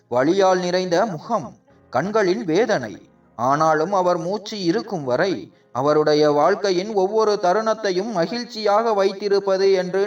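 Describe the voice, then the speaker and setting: Guy narrating a sad story, high voice that swings up and down a lot, a bit far from the mic w soft music under it. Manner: emotional, measured storytelling. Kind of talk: scripted first-person story narration. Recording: voice set back from the mic, faint music.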